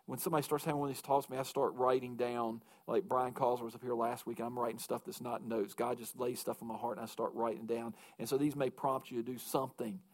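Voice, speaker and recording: A man's voice: mid-range voice, level tone, fast talker, hardly any pauses. A male pastor preaching a sermon, moving from earnest storytelling to fervent exhortation.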